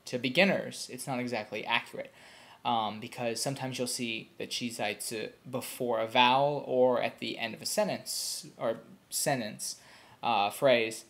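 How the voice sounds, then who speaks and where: A young man in a quick, casual home video, mid-pitched and rambling. He fills his talk with ums and restarts, and he stops to sound out short examples. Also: steady tone, gravelly, fairly bright tone. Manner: demonstrates sounds aloud. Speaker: language learner explaining pronunciation.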